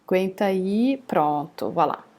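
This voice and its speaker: A woman's voice: fairly low pitch, expressive, darkish tone. A woman teaching French phrases in an online lesson, saying each phrase carefully twice and then explaining it. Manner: slow, careful modelling of phrases, repeated twice.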